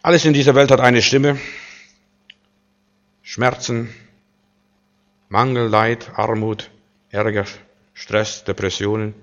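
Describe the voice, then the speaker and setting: A man preaching a sermon, emphatic and full of rhetorical questions, moving between loud declarations and quiet asides. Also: mid-range voice, little pitch movement, slow pace, long pauses, lo-fi sound.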